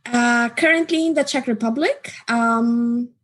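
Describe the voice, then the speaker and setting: Husky woman. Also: fairly high pitch. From Romania. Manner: measured, explanatory. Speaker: guest, customer support team manager. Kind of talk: interview answers.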